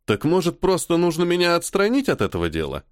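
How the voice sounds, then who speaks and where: A man's voice: medium pitch, very animated, normal speed, no echo, studio quality, natural voice. A man voicing a stubborn, caustic army major. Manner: gloomy, stubborn, sarcastic. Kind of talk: audiobook character voice.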